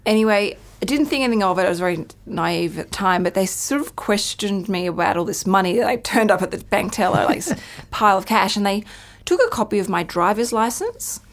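A woman's voice: mid-range voice, lively intonation, brisk, few pauses. A woman, a podcast guest, chatting casually and telling a story, acting out quoted voices as she goes.

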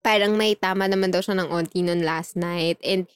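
A young woman telling a story in casual chat, animated, laughing often and acting out the dialogue she quotes. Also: lowish voice, moderate pace, clear, resonant tone, no echo, studio quality.

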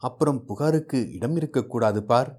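A man's voice: mid-range voice, moderate pace, slightly rough, lightly acted. A man reading aloud voices an anxious, talkative older mother who chatters on without stopping. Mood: chattering. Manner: chattering, soft.

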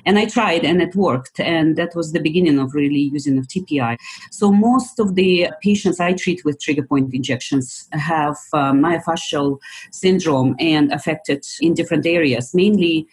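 Woman doctor, husky voice. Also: deep voice, normal speed, darkish tone, poor audio. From Ukraine. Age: 50s. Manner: thoughtful, a bit hesitant, non-native grammar slips. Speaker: guest physician. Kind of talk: interview answers.

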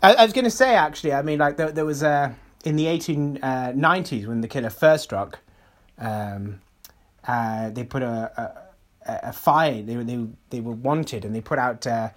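A man co-hosting a comedy podcast, halting and stammering through his sentences with lots of fillers and laughter. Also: mid-range voice. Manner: halting, stammering, many repeated words and fillers; breaks into laughter often. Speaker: podcast co-host.

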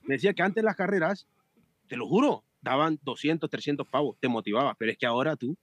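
Husky, lively man telling stories. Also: a little high, fast talker. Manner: animated storyteller, swears, jokes. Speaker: podcast guest, amateur cyclist. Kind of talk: casual chat.

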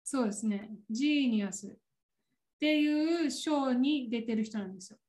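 A woman's voice: high-pitched, lively intonation, moderate pace, a little mellow. A woman with a Kansai Japanese accent chatting casually on a podcast, laughing often as she explains. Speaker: podcast co-host. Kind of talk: casual chat.

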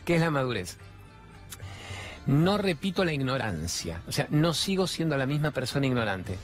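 A man's voice: medium pitch, big pitch swings, moderate pace, faint music behind. A middle-aged man with a Rioplatense Spanish accent gives a spiritual self-help talk. He speaks emphatically, asks rhetorical questions and uses colloquial slang.

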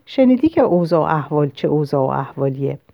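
A gushing, flattering middle-aged lady from an audiobook, as a woman narrator puts her on. She speaks in an effusive, sugary way with a raised tone. The recording is dry and a little dull. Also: deep voice, vocal fry, no echo, heavily acted.

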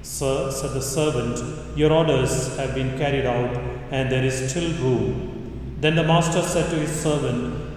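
A male priest reading the gospel and preaching at Mass in a measured, solemn way, his voice carried by a cathedral echo. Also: mid-range voice, a little mellow, slight background noise. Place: large church. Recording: very echoey church with long reverb.

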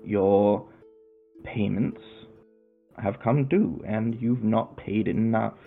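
A man voicing a polite but unyielding debt collector in a tabletop game, speaking in a measured, courteous way. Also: lowish voice, vocal fry, soft background music. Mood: apologetic firm. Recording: tinny phone-like line.

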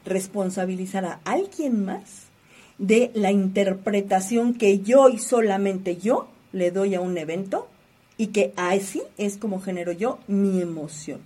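Husky woman asking guiding questions. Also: medium pitch, warm tone. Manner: teacherly, asks guiding questions. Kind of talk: reflective conversation on emotions.

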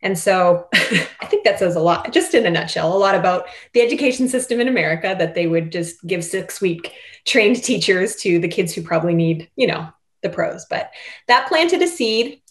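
A woman teacher reflects earnestly on her seven years of teaching in a casual interview chat, laughing lightly now and then. Her voice is on the low side, expressive, at a normal speed.

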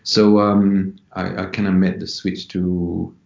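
A man in his forties from France, speaking as an interview guest in a relaxed, unhurried way with many ums. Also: deep voice, creaky. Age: 40s. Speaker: yoga teacher guest. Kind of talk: casual interview talk. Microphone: remote call. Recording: dull, roomy call audio.

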